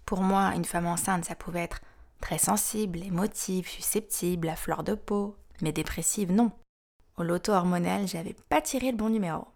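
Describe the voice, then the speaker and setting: Reading scripted podcast narration, a host in her thirties sounds candid, wry, and confiding. She has a lowish, creaky, slightly mellow voice at normal speed.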